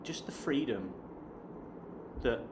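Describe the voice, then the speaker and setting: Expressive and slow, this medium-pitched male voice belongs to an online English teacher and vlogger in his late thirties from Hampshire. He chats casually to camera with a southern English accent, calling viewers "guys." Background noise is clearly heard.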